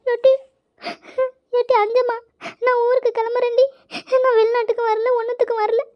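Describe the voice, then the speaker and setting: A touchy, aggrieved sister-in-law from a cartoon, voiced by a woman, rattles off her complaints in a quick, high voice. She sounds wounded and indignant. The audio is dull and lo-fi. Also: natural voice. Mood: tearful. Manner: complaining, hurt and scolding. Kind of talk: cartoon voice acting.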